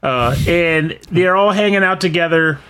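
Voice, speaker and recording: A man's voice: on the high side, measured pace, bright, forceful tone, slight background noise. A man co-hosting a podcast, chatting with enthusiasm about a game and its music, laughing often and restarting his sentences. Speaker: podcast co-host. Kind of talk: casual chat about games and music.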